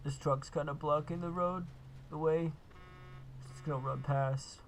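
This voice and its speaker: Male game host, walkthrough, gravelly and a bit high, relaxed and rambling. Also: a little slow, a little hiss or hum. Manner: laid-back, lots of uh and kinda. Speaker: gaming video host. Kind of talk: casual gameplay walkthrough.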